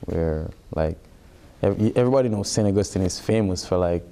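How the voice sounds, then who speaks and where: A man's voice: low-pitched, normal speed, warm tone. A young man in his twenties with a Jamaican accent, an athlete chatting in an interview, peppering his explanations with "like". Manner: explains with frequent "like" as filler. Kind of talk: casual interview talk.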